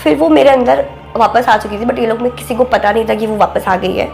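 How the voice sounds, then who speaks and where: A young woman with a soft, babyish voice, telling a story as a podcast guest and acting out what people said. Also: on the high side, brisk, gravelly, faint music behind. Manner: animated, acts out quoted speech, mixes in English words. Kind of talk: casual spoken storytelling.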